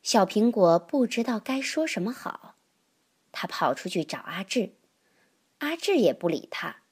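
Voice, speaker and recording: A woman reading a children's picture book aloud in an expressive, lively manner. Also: medium pitch, a little slow, slightly rough. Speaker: storyteller.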